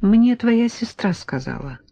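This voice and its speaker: A woman reading an audiobook, voicing a gentle, good-humored young man with soft warmth. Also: mid-range voice, big pitch swings, unhurried, gravelly, breathy edge, dry recording, pitched above the performer's own voice, exaggerated voice.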